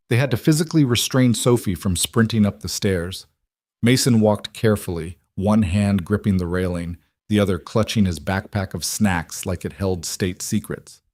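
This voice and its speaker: Low-voiced male story narrator. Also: a little mellow, dry recording, studio quality.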